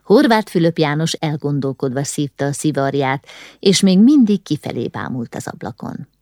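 A woman narrating an audiobook novel in a calm, even reading. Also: deep voice, dry recording, studio quality. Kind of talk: scripted narration.

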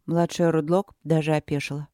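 Style: measured audiobook narration by a woman. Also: deep voice, flat delivery, dark tone, dry recording, studio quality. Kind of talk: scripted narration.

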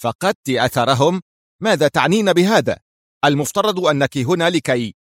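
A man's voice: mid-range voice, quick pace, no echo, close to an everyday voice. A ruthless squad commander, played by a male narrator in a plain middle register. He gives orders harshly and sneers at his allies, recorded dry and close. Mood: harsh commanding.

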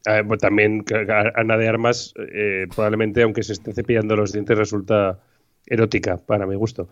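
A man co-hosting a podcast, chatting casually in a relaxed, joking way. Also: lowish voice, brisk. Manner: relaxed, joking, with many fillers. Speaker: podcast co-host. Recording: slightly dull lo-fi sound.

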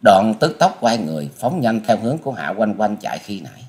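Deep-voiced man narrating an audiobook. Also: fairly quick. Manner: expressive storytelling. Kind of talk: dramatic martial-arts audiobook narration.

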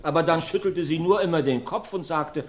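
An actor voices a rustic farmer giving chatty, meandering courtroom testimony in a radio play, with a warm, folksy storytelling manner. His voice is on the high side, fairly quick and close to everyday speech. The recording has a roomy studio feel.

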